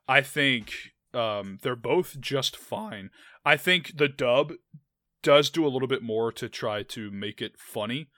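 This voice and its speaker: A man's voice: mid-range voice, animated, slow pace, sharp tone, dry recording, clean studio sound. A young man co-hosting a podcast, talking casually and rambling with lots of restarts and "like" fillers. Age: young adult. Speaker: podcast co-host. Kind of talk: casual anime chat.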